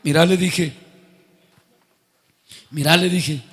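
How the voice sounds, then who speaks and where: A man's voice: a little high, fairly even intonation, slow. A man preaching a sermon, quizzing his congregation and building to fervent outbursts.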